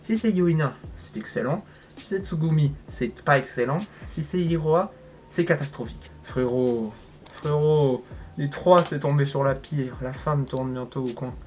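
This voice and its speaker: A man's voice: fairly high pitch, a little slow, a little mellow. A man narrating a visual novel playthrough, with jokey, slangy asides and exaggerated reactions. A faint hiss sits under his voice. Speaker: gaming content creator. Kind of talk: reading a visual novel aloud with commentary.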